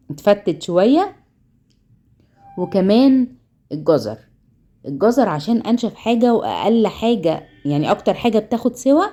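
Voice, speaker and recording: An Egyptian woman walks viewers through a home recipe in a mellow, warm voice at a middling pitch. She talks in a chatty, instructive way and keeps stressing her points by repeating words. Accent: Egyptian Arabic. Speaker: cooking channel host. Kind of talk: home cooking tutorial.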